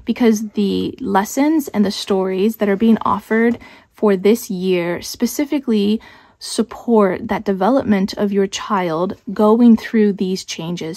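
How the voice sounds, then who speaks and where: A woman's voice: mid-range voice, darkish tone, no echo. Chatty woman homeschool host, dry sound. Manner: conversational, thinks aloud with small restarts. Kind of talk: casual explanatory talk.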